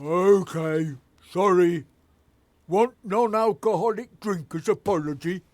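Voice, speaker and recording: An actor playing a dim-witted male troll worker who speaks in broken grammar, slow and simple. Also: high voice, darkish tone, no room sound. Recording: game audio with faint music.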